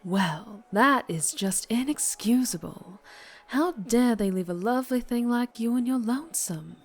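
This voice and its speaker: In an intimate ASMR roleplay monologue, a woman fully voices a flirtatious vampire biker who is doting yet fierce, speaking with a Southern US accent and a teasing manner. Her fairly high, husky voice is expressive and measured, and the mood is flirty and welcoming.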